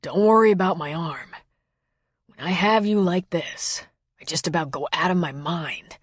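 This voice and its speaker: A woman voicing a grown man with a husky, gravelly voice and a low, intimate, unhurried way of talking. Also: no echo, clean studio sound.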